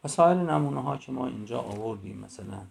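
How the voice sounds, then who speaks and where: A man giving a lecture, stressing and repeating the key points and reading children's poems aloud slowly. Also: mid-range voice, expressive, creaky, a little hiss or hum. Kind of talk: university lecture.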